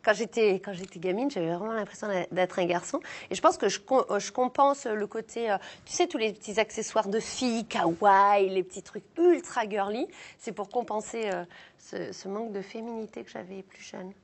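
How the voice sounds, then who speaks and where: Her pitch is medium and her pace fairly quick. As a young comedian guest from southern France, she's interviewed casually, joking at her own expense and often restarting amid many fillers.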